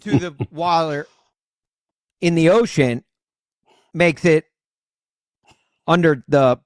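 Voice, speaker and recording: A man's voice: fairly high pitch, slow pace, no echo, studio quality, voice pushed up. A man putting on a choppy, broken-up voice imitating a crackly drive-through speaker. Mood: mock garbled. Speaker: sports radio co-host.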